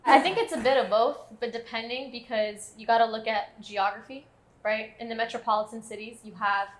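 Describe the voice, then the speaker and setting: Chatty woman, twenty-five, somewhat high voice, checks in with listeners as she argues. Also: steady tone, brisk. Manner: chatty, tags points with "right?". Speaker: panelist. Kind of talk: casual discussion.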